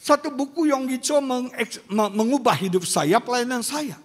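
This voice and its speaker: A man from West Sumatra, a pastor giving an animated sermon, telling stories with sudden loud outbursts. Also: very high-pitched, normal speed. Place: large church hall. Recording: long hall reverb.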